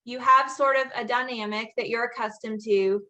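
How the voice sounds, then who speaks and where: A woman's voice: fairly high pitch, steady tone, moderate pace, bright, forceful tone. A woman author hosting a casual panel chat on a video call, talking earnestly with lots of fillers. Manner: earnest, chatty, full of fillers. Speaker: author hosting a book talk.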